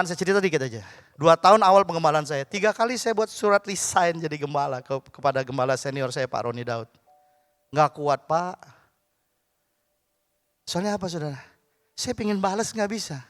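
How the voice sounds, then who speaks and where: A man preaching a sermon as a pastor, lively and joking, with sudden loud bursts. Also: high voice. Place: church service.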